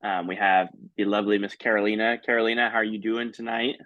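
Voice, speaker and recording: A man's voice: lowish voice, completely flat delivery, quick pace, no room sound, lo-fi sound. A man hosting an interview, chatty and upbeat. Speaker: host. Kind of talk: casual interview.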